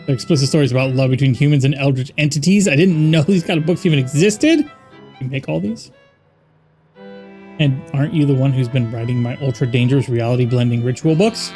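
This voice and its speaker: A man's voice: mid-range voice, a little fast, mellow, soft background music. A man playing a game on video, reading the dialogue and narration aloud with wry, exasperated quips. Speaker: gaming YouTuber.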